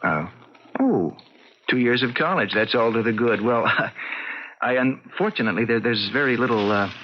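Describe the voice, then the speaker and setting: An actor in an old radio drama playing a flustered, earnest employment agency manager, stammering and hesitant. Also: male voice, medium pitch, expressive, moderate pace, highs cut off, a little hiss or hum, lightly acted. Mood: hesitant, businesslike.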